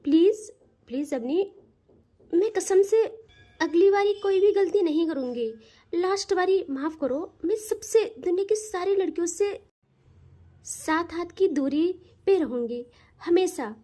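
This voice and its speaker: A woman's voice: very high voice, lively intonation, unhurried, dark tone. A woman doing a pleading, possessive young lover. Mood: begging.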